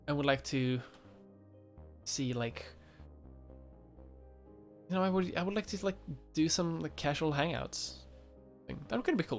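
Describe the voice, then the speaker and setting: A European man in his twenties, a YouTuber, chats casually on a livestream, his voice sitting a little high. He rambles, filling his speech with fillers and restarts, and laughs often.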